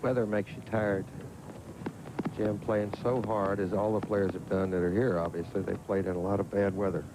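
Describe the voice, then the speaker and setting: Lowish-voiced male golf commentator, noisy outdoors. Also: little pitch movement, moderate pace. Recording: noisy outdoor broadcast, vehicle and ambient sound.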